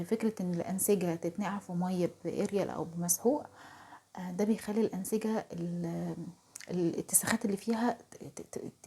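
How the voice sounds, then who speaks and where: A young Egyptian woman with an Egyptian Arabic accent, talking softly and confidingly to her viewers in a casual home vlog, often dropping to a half-whisper. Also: fairly low pitch, breathy edge. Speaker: home vlogger. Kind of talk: casual talk to camera.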